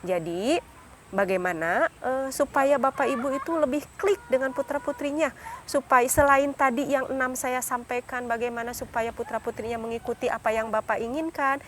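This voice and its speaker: A young woman with a fairly high voice leads a parenting seminar, laying out her advice as numbered points. She speaks directly to the parents in the audience and breaks into short acted lines of what a parent might say. Faint noise sits behind her voice. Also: normal speed. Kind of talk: instructive talk to parents.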